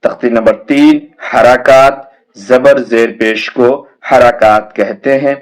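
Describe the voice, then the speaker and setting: A man's voice: mid-range voice, fairly even intonation, low-quality recording. A man teaching young children to read the Quranic alphabet, patiently repeating each letter sound and drawing it out. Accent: Indian Urdu. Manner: slow drawn-out drilling of letter sounds.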